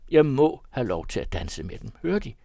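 A man's voice: mid-range voice, big pitch swings, vocal fry, mellow, no echo, pitched above the performer's own voice. A man reading an audiobook, voicing an eager young male student who pleads and insists. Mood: insistent.

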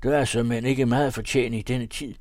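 A man's voice: mid-range voice, steady tone, a little mellow, no echo, clean studio sound, natural voice. A man voicing a small, round, fawning male executioner in a classic novel reading, wordy and mock-dignified.

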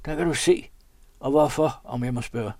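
A man voicing a gruff, hungry vagabond thief who scolds his sick companion with scorn. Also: medium pitch, no echo, pitched above the performer's own voice, close to an everyday voice. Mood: scornful grumbling. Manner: scornful, scolding, quick to shout.

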